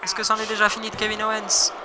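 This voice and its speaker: A man's voice: high voice, completely flat delivery, quick pace, a crowd in the background, low-quality recording. A man doing casual live commentary as a wrestling commentator, chatting informally and directly to viewers. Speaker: streamer commentating wrestling game matches.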